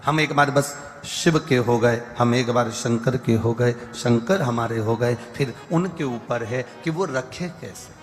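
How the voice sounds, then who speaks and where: A man's voice: mid-range voice, slow. A man preaching a devotional sermon, hammering points through repeated lists and now and then singing verses. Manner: repetitive emphatic lists, breaks into song. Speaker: katha preacher. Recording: live hall reverb with faint music.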